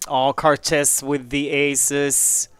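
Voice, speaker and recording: Slow-paced, clear-voiced male poker commentator. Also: mid-range voice, completely flat delivery, fairly bright tone. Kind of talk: live poker tournament play-by-play commentary.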